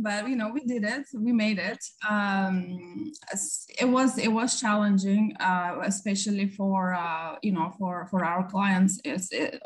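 A woman from Bulgaria, an immigration attorney, answering interview questions casually with many pauses and fillers and a light laugh. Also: mid-range voice.

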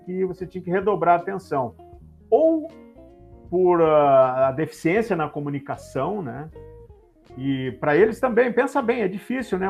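A middle-aged man, a former airline pilot telling stories in a relaxed interview, using many tag questions. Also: sits high, creaky, muffled recording. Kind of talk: casual interview chat.

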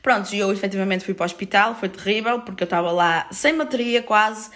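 A woman in her twenties with a European Portuguese accent, telling a personal story casually and quickly, with many fillers and frequent swearing. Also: mid-range voice, a bit bright. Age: 20s. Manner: rapid, filler-heavy, swears freely.

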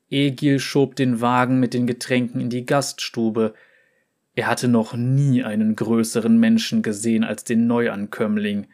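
A man narrating a fantasy story in a slow, measured reading style. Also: mid-range voice, darkish tone.

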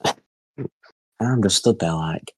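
Young lad, podcast co-host, deep husky voice, rambling and sweary. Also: male voice, slow, a little mellow, no room sound. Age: young adult. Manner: rambling storyteller with lots of fillers and swearing. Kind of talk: casual chat and anecdote.

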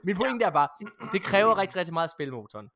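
Male podcast co-host, eager and rambling, bright tense tone, slightly high. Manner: excitable, many fillers and restarts. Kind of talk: casual gaming chat.

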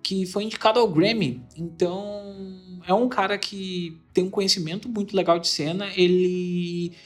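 A man's voice: high voice, fairly even intonation, moderate pace, faint music behind. A man with a Brazilian Portuguese accent hosting an interview podcast, talking in an enthusiastic, rambling way. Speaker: podcast host. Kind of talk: casual interview intro.

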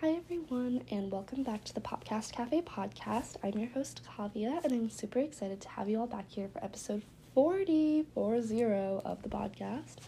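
A woman's voice: fairly high pitch, animated, moderate pace, gravelly, few pauses. A young woman hosting a casual solo podcast from her dorm room, sounding stuffy and congested, chatty with lots of filler words. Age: young adult. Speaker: podcast host.

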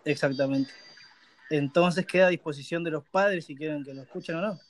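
A man's voice: fairly high pitch, a little fast. A man hosting a casual podcast from his room, talking into a phone with laid-back, dry remarks. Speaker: podcast host. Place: his own room in Buenos Aires.

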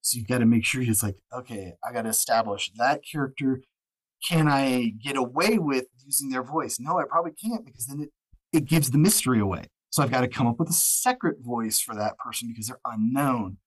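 A man's voice: mid-range voice, brisk, breathy edge, poor audio. A man, an audiobook narrator, talking casually in an interview, rambling with many fillers and restarts and acting out quotes. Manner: acts out quotes and laughs often. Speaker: audiobook narrator, podcast guest.

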